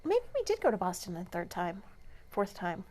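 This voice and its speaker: A woman co-hosting a relaxed podcast, chatting in an easygoing way. She tells short stories in a light tone and often drops in quick murmurs of agreement. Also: medium pitch. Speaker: podcast co-host. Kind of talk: casual chat.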